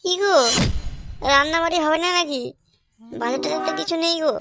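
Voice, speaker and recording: A woman's voice: high voice, a little fast, noisy background, voice pushed up. A woman voicing a worried, nagging housewife in a comedy cartoon, whiny and pleading. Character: nagging worried housewife, fussing about groceries. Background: cartoon background music.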